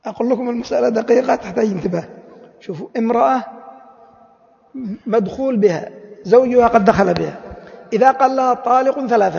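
A man leads a classroom lesson, firing rhetorical questions at his students and acting out little exchanges. His voice is very high and gravelly. The recording is dull and lo-fi, with a long echo from a hall. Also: darkish tone. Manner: acts out quoted dialogues. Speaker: Islamic jurisprudence teacher. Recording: echoey hall, dull lo-fi audio.

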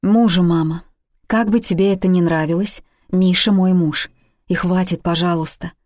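A woman's voice: on the low side, steady tone, moderate pace, a little mellow, no echo, clean studio sound, close to an everyday voice. A woman reading the part of a desperate daughter around thirty who pleads urgently and emotionally with her mother in a story. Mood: tense.

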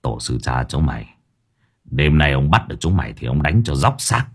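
A man doing a gruff, cursing old exorcist. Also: a bass voice, sing-song, moderate pace, exaggerated voice. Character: gruff old male exorcist, foul-mouthed.

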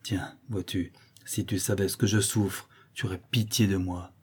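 A man's voice: fairly low pitch, steady tone, moderate pace, mellow, breathy edge. A man voicing a blind, brutal old brigand who growls about revenge. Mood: vengeful. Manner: growling, bitter, menacing.

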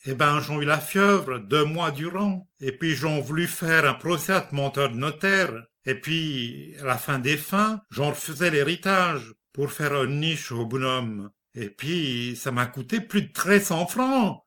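A man's voice: fairly high pitch, lively intonation, measured pace, hardly any pauses, sharp tone. A man voicing an old, greedy, hot-tempered peasant farmer who speaks a rural dialect and exclaims a lot. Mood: indignant grumbling.

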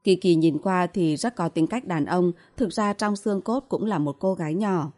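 A woman's voice: on the low side, normal speed, a little mellow. A woman narrating a romance novel as an audiobook, reading steadily and evenly.

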